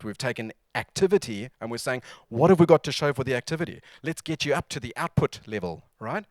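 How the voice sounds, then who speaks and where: A man's voice: medium pitch, no room sound. A man giving a chatty, jokey conference talk who keeps asking the audience to respond. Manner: chatty, asks audience for nods, jokey asides. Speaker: conference speaker. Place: conference venue.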